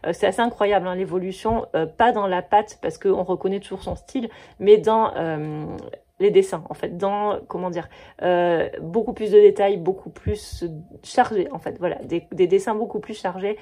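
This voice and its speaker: Woman, thirties, casual vlog chat, mellow tone, slightly husky, gushing, lots of fillers. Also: medium pitch, normal speed. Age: 30s. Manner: chatty, gushing, many fillers and restarts. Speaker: coloring book vlogger.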